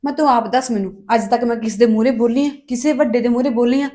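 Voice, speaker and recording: Young actress as a defiant, sharp-tongued daughter; high, rapid delivery. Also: female voice, natural voice. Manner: defiant, quick arguing. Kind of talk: Punjabi family drama acting.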